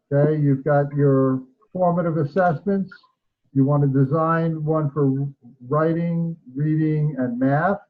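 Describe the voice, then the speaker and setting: Chatty man teaching over a tinny call. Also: on the high side. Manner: relaxed, chatty, laughs often. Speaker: instructor. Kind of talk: online class session. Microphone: video call.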